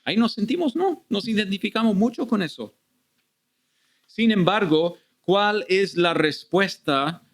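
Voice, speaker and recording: High-voiced male preacher. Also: animated, unhurried. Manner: asks the congregation frequent rhetorical questions. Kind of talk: expository sermon. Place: church.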